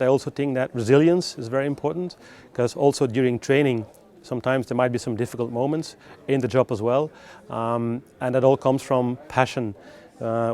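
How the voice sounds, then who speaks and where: A man working as a recruitment specialist gives explanatory answers in an interview. He speaks non-native English in a measured, hesitant way, with a mid-range voice and a darkish tone.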